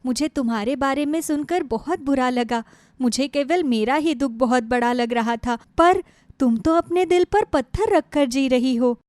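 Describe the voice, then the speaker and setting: A woman's voice: high voice, moderate pace, a little mellow, no room sound, clean studio sound, natural voice. A woman voicing a distraught young bride in a storybook tale, speaking in a tearful, pleading manner.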